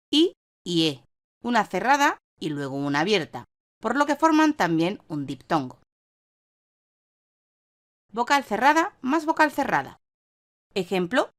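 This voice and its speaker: Animated Spanish woman teaching a lesson. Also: medium pitch. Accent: Spanish (Spain). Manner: clear, measured teaching delivery. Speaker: online course narrator. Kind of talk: scripted narration.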